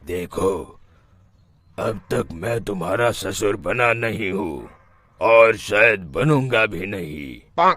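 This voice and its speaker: A man's voice: on the low side, lively intonation, slow pace, a bit bright, dry recording, exaggerated voice. A man voicing a stern older village father-in-law in a cartoon story, dismissive and emphatic. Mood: scornful.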